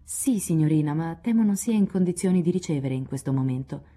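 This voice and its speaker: Woman voicing a fretful rambling maid, storybook reading, husky warm voice. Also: deep voice, animated, fairly quick. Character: flustered talkative housemaid.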